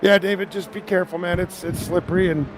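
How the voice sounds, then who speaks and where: Loose, high-voiced man swearing casually. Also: fairly even intonation, fast talker, a little hiss or hum. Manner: loose, candid, swears and laughs easily. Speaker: teammate driver. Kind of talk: casual team chat over voice comms.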